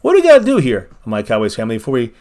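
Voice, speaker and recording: Here the pitch is medium but swoops wildly, the pace races, and the tone is a little mellow. He's ending a laid-back fan stream from his small home bar, giving shout-outs by name, calling everyone "baby," and hyping his catchphrases over and over.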